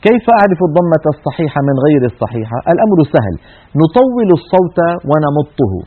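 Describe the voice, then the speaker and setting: A man gives a broadcast tajweed lesson, explaining carefully and stretching out sounds to demonstrate them. His delivery is quick and his voice somewhat husky and a little high. The audio is thin and tinny, like a phone line. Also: very animated. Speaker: Quran recitation teacher.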